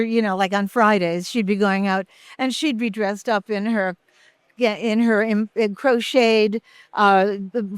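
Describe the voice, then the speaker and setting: Older woman reminiscing, clear and close. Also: mid-range voice, no echo. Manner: halting, many fillers and restarts. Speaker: interview guest, actress. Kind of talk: casual interview reminiscing.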